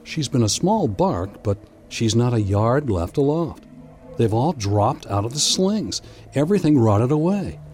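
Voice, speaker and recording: Eager, seasoned sailor-officer male actor, period maritime audio drama, very expressive intonation. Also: mid-range voice, unhurried, soft background music. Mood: keen, intrigued. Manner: salty nautical talk, keenly observant.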